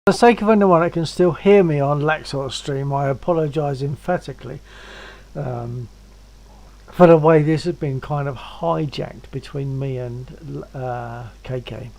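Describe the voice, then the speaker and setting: Man, casual stream chat, self-deprecating, gravelly fry. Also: on the high side, measured pace, darkish tone, poor audio. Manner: chatty, self-deprecating, wordy. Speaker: stream guest.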